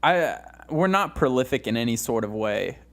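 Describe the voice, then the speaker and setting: A man's voice: mid-range voice, lively intonation, normal speed. A young man co-hosting a comedy podcast in casual chat, rambling and giggling with lots of restarts. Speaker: podcast co-host.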